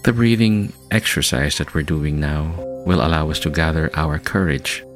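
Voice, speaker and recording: A man hosting a guided meditation, speaking in a soft, soothing, hushed manner with long calming pauses, like a spa relaxation track. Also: extremely low pitch. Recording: voice over New-age music. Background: New-age music.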